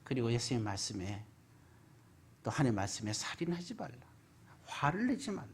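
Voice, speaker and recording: A pastor preaching a Sunday sermon, asking the congregation questions and swinging between loud and hushed. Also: medium pitch, very animated, brisk, slight background noise. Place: church sanctuary.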